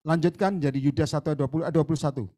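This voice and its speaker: A man preaching a lively sermon as a guest preacher, chatty, jumping between loud bursts and low asides and acting out conversations with church members. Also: racing. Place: church hall.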